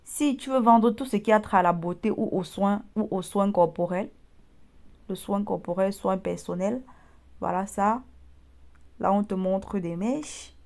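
A woman's voice: medium pitch, measured pace, gravelly, darkish tone. Chatty woman explaining online shopping. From Cameroon. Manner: chatty, teasing, addresses viewer directly. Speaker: online business vlogger. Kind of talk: casual screen-recorded tutorial.

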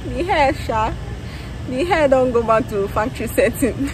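A woman's voice: high-pitched, measured pace. Tired young woman vlogging outdoors. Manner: tired, animated storytelling with laughs and exclamations. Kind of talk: casual vlog chat. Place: outdoors in a parking lot beside a factory building. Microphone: phone at arm's length. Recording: phone outdoors with traffic noise.

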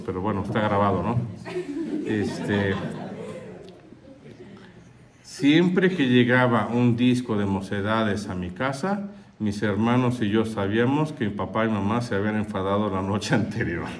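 Conversational priest preaching with humor. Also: male voice, medium pitch. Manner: conversational, humorous, asks the audience questions. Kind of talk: sermon with anecdotes.

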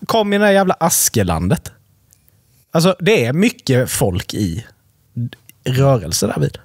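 A man's voice: mid-range voice, wildly swooping pitch, husky, no echo, clean studio sound. A man co-hosting a podcast, ranting bluntly in casual chat. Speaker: podcast co-host.

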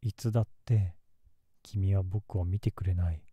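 A man as a very mellow, gentle lovelorn youth. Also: sits low, fairly even intonation, measured pace, breathy edge, no room sound. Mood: sorrowful. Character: gentle, melancholy young man secretly in love. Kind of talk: ASMR role-play. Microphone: close ASMR microphone in a dry space.

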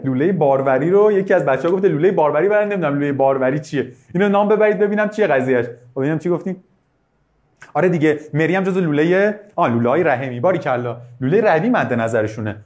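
A male teacher giving a live online biology lesson, asking students questions and praising their answers. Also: a little high. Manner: lively, asks students questions, bursts of praise. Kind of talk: live online class lecture.

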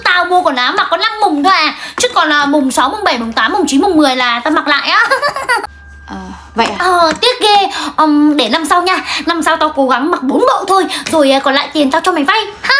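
A woman performing all the parts of a comedy skit with quick, teasing banter. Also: high-pitched, lively intonation, reverberant, noisy background. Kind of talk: comedy skit role-play. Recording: music playing clearly behind.

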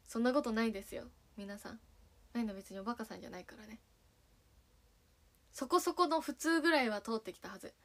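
A woman's voice: a little high, fast talker, pauses often, a bit bright. Giggly young woman with a Kagawa accent. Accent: Sanuki dialect (Kagawa). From Kagawa, Japan. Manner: giggly, playful, teasing. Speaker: idol streaming and chatting with fans. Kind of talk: casual livestream chat reading fan messages.

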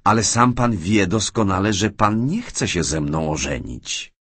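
A shy, tearful young woman speaks in a lifted, soft, pleading tone, voiced by a man in a dry audiobook read. Her voice is breathy and husky, and it rises and falls a good deal. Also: lowish voice, expressive, measured pace, dry recording, pitched above the performer's own voice, full character voice. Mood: teasing. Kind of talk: audiobook character reading.

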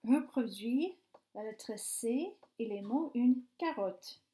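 Woman teacher, phonics drill: slow, deliberate delivery, each word said three times, slightly high voice. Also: lively intonation, dark tone. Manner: sounds words out syllable by syllable. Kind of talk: reading phonics exercises aloud.

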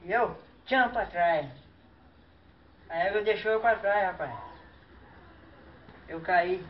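A man telling a comic story as a clown, animated and full of exaggerated exclamations and sound effects. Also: sits high, takes it slowly. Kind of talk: comic storytelling duo routine. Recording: distant, dull mic with faint noise.

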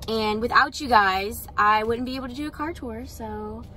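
Bright-voiced teen girl vlogging in a car. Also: a little high, normal speed, slight background noise. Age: late teens. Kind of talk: casual vlog chat. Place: inside a parked car. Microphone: phone camera held on the dashboard.

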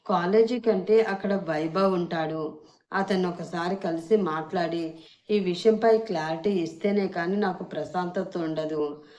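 A woman's voice: on the low side, measured pace, a little mellow, lightly acted. Woman reading as a stubborn young woman. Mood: defiant.

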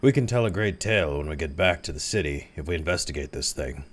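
A man's voice: a bass voice, lively intonation, fast talker. A man voicing a small, cowardly, cursing man who blusters and whines in a storybook reading. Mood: blustering.

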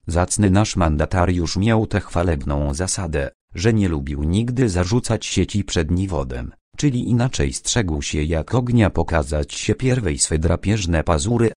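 Deep-voiced male audiobook narrator. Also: darkish tone, no room sound, studio quality. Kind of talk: scripted narration.

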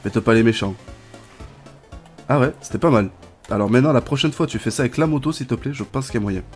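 A man's voice: medium pitch, quick pace, soft background music. A young man giving casual, chatty gameplay commentary as a gaming YouTuber. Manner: chatty, bursts into excited shouts and laughs.

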